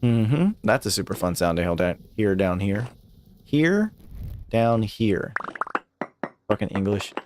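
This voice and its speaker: A young man streams live gameplay, chatting in a laid-back way, cursing a lot, and laughing frequently. His voice is lowish and his pace measured, with noise in the background.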